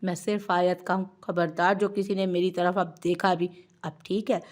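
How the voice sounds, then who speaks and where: A woman's voice: on the low side, flat delivery, normal speed, close to an everyday voice. A woman voicing a teasing, affectionate young husband in an audio novel, with an exasperated edge.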